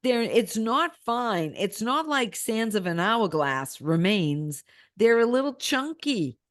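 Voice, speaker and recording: A woman's voice: on the high side, sing-song, slow pace, dry recording. Chatty woman with a dry close mic. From Boston area, USA. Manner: chatty, laughs often, restarts mid-sentence. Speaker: podcast co-host. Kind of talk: casual chat.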